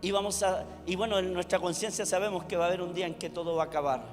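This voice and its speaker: A middle-aged man with a Chilean accent preaching a sermon to his congregation, rising to shouts. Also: high voice, fairly even intonation, rapid-fire, long reverb tail, faint music behind. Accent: Chilean Spanish. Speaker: pastor. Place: church hall.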